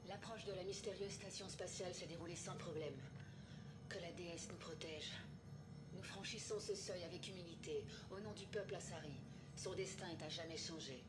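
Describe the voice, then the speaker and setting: A woman playing a solemn, reverent alien explorer recording an expedition log in a video game, in measured phrases. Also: on the low side, close to an everyday voice, poor audio. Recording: loud music under voice.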